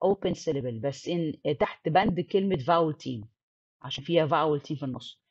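A woman's voice: deep voice, normal speed, a little mellow, breathy edge, no room sound. Woman, phonics teacher, checks in often, dull dry recording. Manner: checks in with the learner often, mixes English terms into Arabic. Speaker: English teacher. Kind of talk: explaining phonics lesson.

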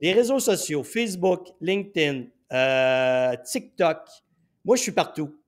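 High-pitched Québécois podcast host. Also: male voice, animated, a little slow. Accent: Québécois French. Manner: chatty, enthusiastic, tells anecdotes, uses fillers. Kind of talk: casual podcast interview.

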